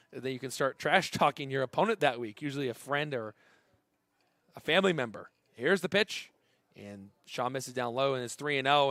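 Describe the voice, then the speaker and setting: Baseball play-by-play man, slightly high voice. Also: no echo, clean studio sound. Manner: rises to excited shouting on big plays, conversational asides between pitches. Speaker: play-by-play announcer. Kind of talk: live baseball play-by-play commentary.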